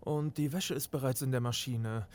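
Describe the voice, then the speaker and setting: A man's voice: medium pitch, fairly even intonation, moderate pace, darkish tone. A young man in a comedy sketch, grumbling in exasperation, cracking crude jokes and theatrically complaining.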